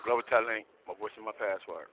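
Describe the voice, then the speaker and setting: A man's voice: fairly low pitch, fast. A man calling from prison on an inmate phone line, chatting politely with short acknowledgements. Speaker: inmate making a collect call. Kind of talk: casual phone chat. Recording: tinny phone line with clicks and noise.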